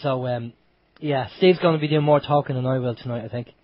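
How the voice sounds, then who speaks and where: An Irish radio show host with a cold sounds blocked up and nasal as he runs a casual internet radio chat, talking in a medium-pitched voice, fairly quickly, in a dry recording. His chat is loose and full of restarts, carried on a dull lo-fi home stream.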